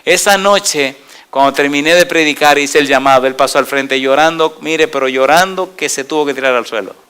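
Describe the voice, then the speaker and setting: A middle-aged man preaching a sermon as a pastor, putting repeated yes-or-no questions to the congregation and telling stories in an animated way, moving between loud and quiet. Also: a little high, moderate pace, smooth.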